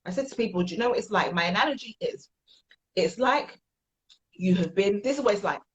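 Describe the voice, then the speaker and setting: A woman's voice: mid-range voice, animated, a little fast. A woman working as a transformational coach, answering interview questions in an earnest, emphatic way and repeating phrases for weight. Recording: dull, lo-fi sound.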